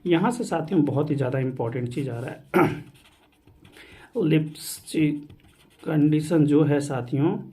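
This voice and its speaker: Warm in tone and a little high, the voice of this maths teacher moves a little slowly, with long pauses. He's teaching real analysis in an online exam-prep session, weaving English math terms into his Hindi, calling students "saathiyon" again and again, and posing rhetorical questions before supplying the answers.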